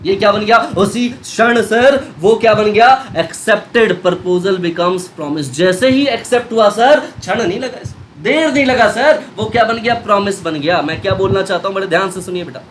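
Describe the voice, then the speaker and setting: A man's voice: high voice, fairly quick, few pauses. A man teaching a commerce class, who keeps quizzing his students with repeated questions and addressing them fondly. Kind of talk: Hindi-English lecture. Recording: noisy recording with clicks.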